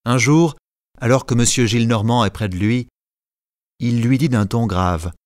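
A man narrating a classic story in a measured reading, giving short lines to the characters. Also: mid-range voice, a little mellow, no room sound, studio quality. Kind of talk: scripted narration.

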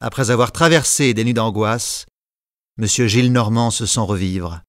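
Low-pitched man reading a storybook audiobook, measured and clear, dry close mic. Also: no echo. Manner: measured storytelling, voices characters lightly. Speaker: narrator. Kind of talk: scripted narration.

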